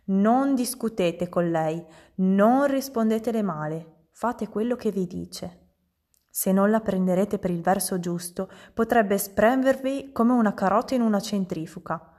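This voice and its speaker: A woman voicing a kind young female schoolteacher in an audiobook reading, with a bright, encouraging tone. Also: mid-range voice, natural voice.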